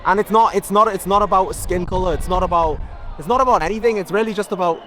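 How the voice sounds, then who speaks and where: A man's voice: sits high, fast, a bit bright, slight background noise. A man at an outdoor rally talking earnestly and hesitantly, often repeating words. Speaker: rally attendee.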